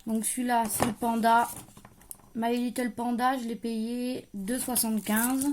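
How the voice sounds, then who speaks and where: A chatty young woman with a light regional accent walks through her craft haul at home, thinking aloud. Her voice sits a little high but has a mellow, soft-edged tone. Faint background hiss and paper rustling sit under it. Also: little pitch movement, a little slow. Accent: French-speaking, regional. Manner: chatty, thinks aloud while unpacking, trailing off. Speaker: crafting vlogger showing a haul. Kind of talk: casual haul chat to camera. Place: at home, at a craft table, creaky chair.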